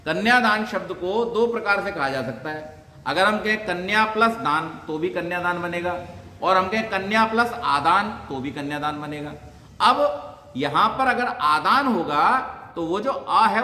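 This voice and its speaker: A man's voice: high voice, expressive, unhurried, bright, forceful tone. A man, a pandit teaching Sanskrit pronunciation, who asks questions and answers them himself. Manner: explains by asking and answering his own questions, demonstrates sounds. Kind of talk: religious teaching talk. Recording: echoey hall with long reverb.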